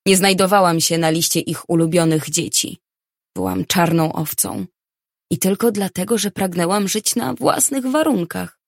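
A woman reads a novel aloud in the first person, with a measured, even delivery. Her voice sits low for a woman. The recording is dry and close, with no reverb at all. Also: vocal fry. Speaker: audiobook narrator. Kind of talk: first-person audiobook narration.

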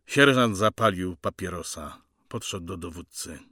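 Male storyteller, grave measured reading, low voice, very slow, dry close sound. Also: sharp tone, no room sound. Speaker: narrator. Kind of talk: scripted audiobook narration.

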